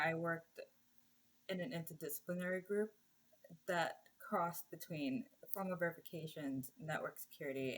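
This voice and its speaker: Low-voiced young woman from Nigeria. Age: young adult. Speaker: undergraduate guest. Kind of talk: casual interview.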